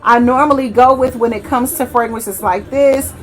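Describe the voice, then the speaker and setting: A woman with a slightly high voice talks her way through a perfume review in casual, rambling chat. She corrects herself as she goes and addresses her viewers fondly. Soft music plays faintly underneath. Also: steady tone, moderate pace. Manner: chatty, rambling, self-correcting, affectionate. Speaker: fragrance reviewer.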